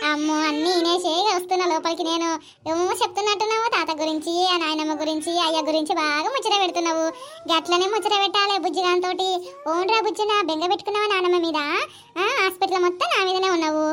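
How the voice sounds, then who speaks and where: A woman performs a village comedy skit in a very high voice. She talks quickly in a chatty, teasing way. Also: a bit bright. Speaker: comedy skit creator voicing all parts.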